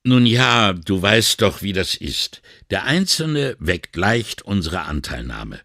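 A man's voice: low voice, big pitch swings, takes it slowly, pushed and bright, no room sound, studio quality, heavily acted. A man voicing a weary, indignant middle-aged male police inspector in an audiobook, sighing and exasperated. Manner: sighing, exasperated and morally upset. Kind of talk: audiobook character reading.

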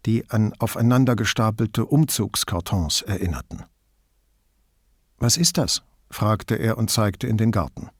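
A man narrating an audiobook in a calm, measured, even reading voice. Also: fairly low pitch, no room sound, studio quality. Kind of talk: scripted narration.

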